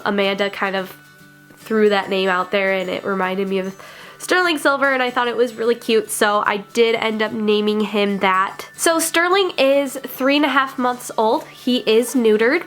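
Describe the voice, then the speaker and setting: A woman's voice: mid-range voice, fairly bright tone. A woman with a cold and a congested, nasal voice, chatting casually on her pet vlog with plenty of filler words. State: sick with a stuffed-up nose. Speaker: pet vlogger.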